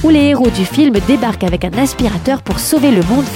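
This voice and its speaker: A woman's voice: on the high side, expressive, fast talker, over music. A woman presenter delivering scripted explanatory narration.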